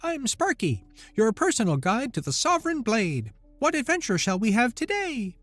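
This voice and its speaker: A man's voice: very high voice, wildly swooping pitch, normal speed, no echo, soft background music, pitched above the performer's own voice, exaggerated voice. A man voicing a chirpy cartoon star guide program in a sci-fi story. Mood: cheerful. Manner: chirpy, bright.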